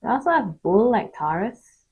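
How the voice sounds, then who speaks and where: Woman, mystical tarot card reading, husky voice, halting short phrases addressed to viewer, dull lo-fi recording. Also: mid-range voice, very animated.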